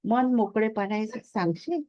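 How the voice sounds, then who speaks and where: A woman reading the part of a worried middle-aged father who talks things through earnestly and calmly. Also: a little high, measured pace, highs cut off, natural voice.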